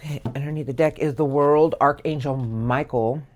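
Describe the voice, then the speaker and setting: A woman's voice: low voice, fairly even intonation, a little mellow. A woman giving a soothing, affirming tarot reading, speaking in an encouraging spiritual tone. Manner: soothing, affirming, drawn-out emphasis. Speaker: tarot reader.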